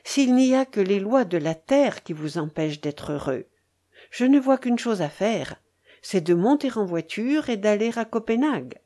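A woman's voice: medium pitch, expressive, moderate pace, mellow, natural voice. A woman reading aloud, voicing a kindly, simple older motherly woman who speaks in a fretful, tender way. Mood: earnest.

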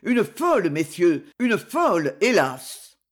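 A woman's voice: on the low side, big pitch swings, takes it slowly, exaggerated voice. A woman voicing a proud, harsh middle-aged duke who speaks with a growl. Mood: dismayed. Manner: growling and forceful.

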